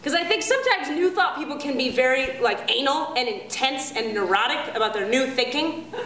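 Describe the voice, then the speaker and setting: A woman doing a stand-up comedy set, animated and sarcastic, often acting out other people. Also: high-pitched, a little fast. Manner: animated, sarcastic, acts out characters. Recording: echoey room, audience noise.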